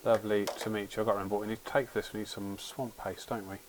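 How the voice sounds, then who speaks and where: A man's voice: on the low side, level tone, racing, slight background noise, rough recording. Rambling man hosting a game stream. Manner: rambling, chatty, often restarts and trails off. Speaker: livestream host. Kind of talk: casual livestream chat while playing a game.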